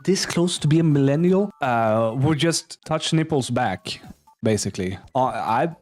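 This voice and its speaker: A man's voice: mid-range voice, expressive, a little slow, a little mellow, soft background music. A man in his twenties commenting on a video during a livestream, rambling, offhand and self-mocking. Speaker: streamer reacting to a video. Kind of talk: casual stream commentary.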